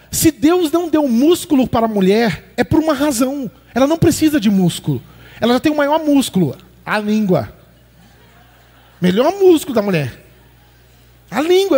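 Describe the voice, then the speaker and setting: A man preaching a sermon, animated, acting out example lines in mock voices. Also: very high-pitched. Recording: church hall reverb.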